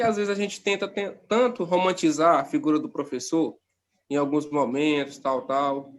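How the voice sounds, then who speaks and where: Slow, reflective male moderator. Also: fairly high pitch. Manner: reflective, asks questions to the group. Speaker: host and moderator. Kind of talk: casual panel discussion.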